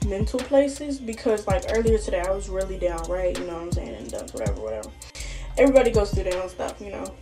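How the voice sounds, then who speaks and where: A woman's voice: mid-range voice, fast, music in the background. A young woman, a college student, talking casually and animatedly straight to her phone camera in a small room, full of slang. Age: young adult. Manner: chatty, slangy, animated, talks straight to viewers. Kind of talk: casual vlog talk to camera. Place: small indoor rooms, dorm and bathroom. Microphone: phone camera at arm's length.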